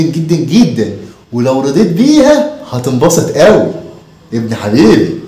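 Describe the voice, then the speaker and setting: A man's voice: mid-range voice, lightly acted. A man with an Egyptian accent playing a stingy, mocking father who teases his son in a home comedy sketch. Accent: Egyptian Arabic. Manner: sarcastic, teasing, lively sing-song. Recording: echoey room.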